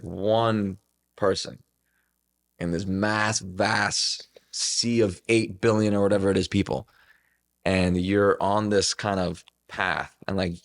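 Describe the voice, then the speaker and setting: A man in his twenties, a podcast guest, talks casually and reflectively in a low voice with vocal fry. He's earnest and rambling, using plenty of filler words.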